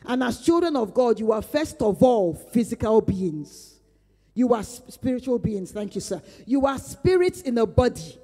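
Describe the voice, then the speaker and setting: A woman's voice: a little high, sing-song, normal speed, warm tone. A woman pastor teaching a conversational Bible study. She speaks earnestly, repeats phrases for emphasis, and retells her own prayers aloud. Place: church hall. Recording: reverberant church hall.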